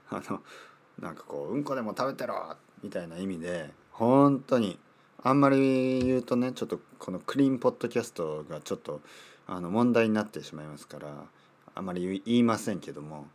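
A man's voice: on the low side, animated, brisk. A man in his thirties hosting a casual podcast for language learners, playful and rambling, often repeating words as he thinks aloud. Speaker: podcast host teaching Japanese. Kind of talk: casual solo podcast talk.

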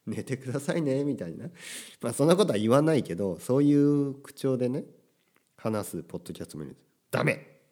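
A Japanese man hosts his own podcast teaching Japanese, chatting casually and energetically on his own and adding lots of little tag questions. His voice is mid-range, sing-song, fast and mellow.

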